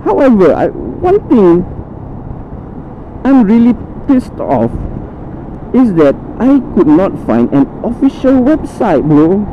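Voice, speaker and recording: A man talking casually while riding a motorcycle, speaking inside a full-face helmet, rambling with halting restarts and fillers. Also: high-pitched. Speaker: motovlogger reviewing a helmet. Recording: muffled lo-fi audio with road and wind noise.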